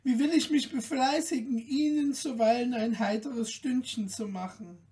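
A woman voicing a timid, gentle fairy-tale maiden who speaks softly and pleadingly, recorded from a distance. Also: a little high, moderate pace, pitched above the performer's own voice, natural voice. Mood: eager.

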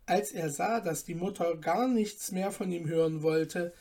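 A woman reading a fairy tale aloud in a calm, measured storytelling manner. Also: on the low side. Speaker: narrator.

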